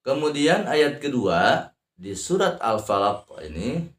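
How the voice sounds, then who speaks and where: A man with an Indonesian accent teaching Quran recitation rules. He explains slowly and haltingly with many fillers, and between explanations he chants verses in long, drawn-out phrases. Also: mid-range voice, sing-song, a bit bright, roomy sound. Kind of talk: tajwid lesson with chanted recitation examples.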